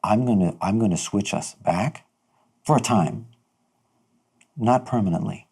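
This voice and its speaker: A man's voice: on the low side, measured pace, a little mellow, husky. A man voicing a polite, fatherly male warlock in a tabletop game, talking formally and stiffly. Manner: formal, stiff, laughs between lines.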